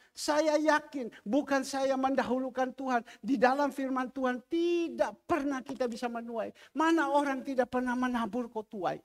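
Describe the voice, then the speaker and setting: A male pastor, preaching a sermon as an animated storyteller who acts out the voices of the people in his stories. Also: very high-pitched. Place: large church hall. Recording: long reverb of a church hall.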